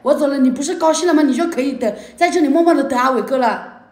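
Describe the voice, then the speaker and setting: A woman's voice: high-pitched, rapid-fire, a little mellow. A woman livestreaming at night, arguing indignantly, scolding and repeating herself. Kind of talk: heated argument on a livestream. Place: indoor room at night. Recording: echoey room.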